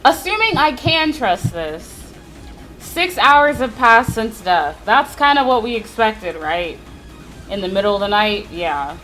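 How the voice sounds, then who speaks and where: High-voiced profane woman streamer. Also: big pitch swings, a little slow, a bit bright, faint music behind, poor audio. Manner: blunt, profane, slangy exclamations. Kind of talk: reacting to a visual novel and reading its text aloud.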